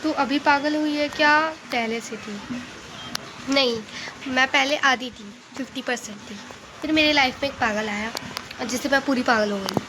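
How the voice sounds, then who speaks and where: A young woman vlogger chats through a casual question-and-answer session. She reads out each fan question in her slightly high voice and answers frankly, often tagging on "okay?" at the end of a sentence. The home recording carries a steady layer of background noise. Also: normal speed. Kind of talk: casual Q&A vlog.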